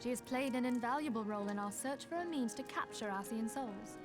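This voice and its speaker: An actress voicing a courteous, dignified leader in a video game, speaking formally and politely over music. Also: female voice, a little high, a little fast, close to an everyday voice. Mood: gracious.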